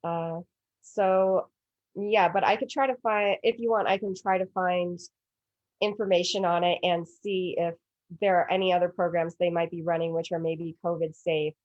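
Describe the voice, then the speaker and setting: A woman's voice: fairly low pitch, fairly even intonation, normal speed, a little mellow. A woman guest presenter giving informal answers at an online event, hesitant as she searches for words. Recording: roomy, dull online call audio.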